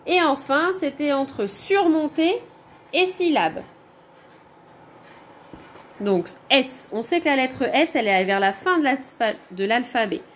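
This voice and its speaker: Slow, patient high-voiced French woman teacher. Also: expressive, a little hiss or hum. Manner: slow, patient, pointing things out step by step. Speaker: primary school teacher. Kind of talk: recorded homework correction for pupils.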